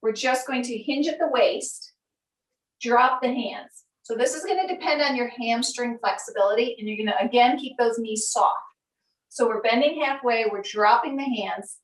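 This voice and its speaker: A woman yoga instructor talks students through poses with calm, step-by-step cues. Her voice sits a little high and carries some distance from the mic. The room around her is echoey. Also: moderate pace.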